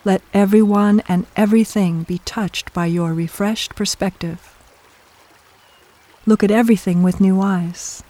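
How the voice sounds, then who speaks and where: A mellow, mid-pitched meditation guide keeps a steady tone. The scripted delivery is soft and soothing, slow and measured, with generous pauses.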